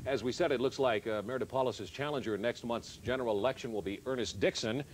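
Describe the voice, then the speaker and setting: A man anchoring an election night news broadcast, questioning guests in a measured way. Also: medium pitch, a little hiss or hum.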